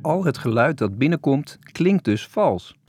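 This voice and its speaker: A man presenting a science podcast in scripted narration, explaining ideas clearly. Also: mid-range voice, sing-song, measured pace, a little mellow, no echo, soft background music.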